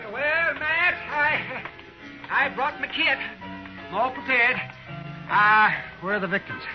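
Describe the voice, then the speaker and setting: A man's voice: extremely high pitch, slow pace. A man playing an eager, fussy, ghoulish frontier doctor in a 1950s radio western. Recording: dull old radio recording. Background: music.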